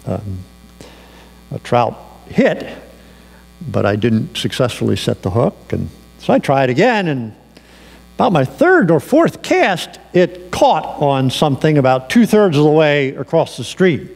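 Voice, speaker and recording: A man's voice: on the high side, big pitch swings, unhurried, creaky, darkish tone. A male pastor preaching a sermon, telling a personal story in a conversational way with fillers, in a church sanctuary with long reverb.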